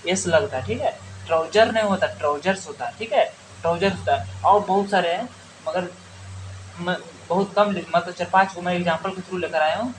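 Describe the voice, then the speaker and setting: A man's voice: sits high, a little hiss or hum, low-quality recording. A man teaching an English grammar lesson in Hindi, who asks his class questions and answers them himself with many repeats. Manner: many restarts and fillers.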